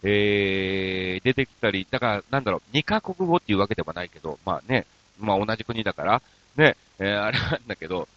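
A man's voice: fairly low pitch, expressive, a little fast, a bit bright, no room sound. Kansai guy doing a radio show, jokey and self-mocking, voice jumps all over, kinda muffled dry mic. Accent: Kansai mixed with standard Tokyo speech. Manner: playful, self-mocking comic banter. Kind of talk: casual radio talk reading listener mail.

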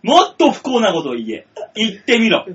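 High-pitched man talking tough like a delinquent. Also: wildly swooping pitch, moderate pace, a bit bright, recorded from a distance. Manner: rough delinquent-style tough talk, confrontational. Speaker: comedian co-host. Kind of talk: comic banter. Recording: dull lo-fi audio with music behind.

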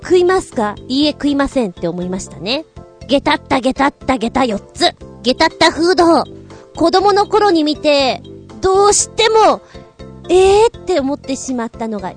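High, bubbly woman host. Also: animated, moderate pace, faint music behind. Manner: playful and chatty, with light self-mocking asides. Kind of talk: casual chat.

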